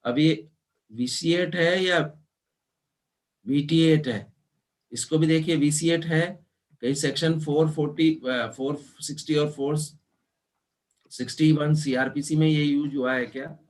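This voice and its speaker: A man teaching an online class, explaining slowly and spelling words out letter by letter, mixing in English terms. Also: a little high, steady tone. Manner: mixes Hindi with English terms. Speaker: law teacher.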